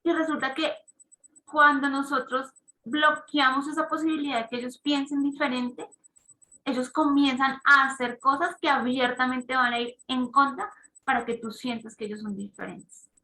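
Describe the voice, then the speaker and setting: A woman talks parents through an idea in a bright, fairly high voice. She explains step by step and keeps checking in with her listeners. The sound rings a little in an echoey room. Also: fairly even intonation, moderate pace. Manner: conversational, explanatory, asks the audience questions. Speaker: parenting talk speaker. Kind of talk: online parent talk.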